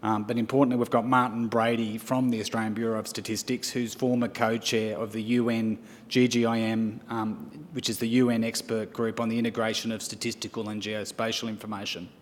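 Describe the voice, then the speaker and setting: A man chairing a conference session, measured and with frequent ums. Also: little pitch movement. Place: conference room. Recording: hall reverb with low rumble.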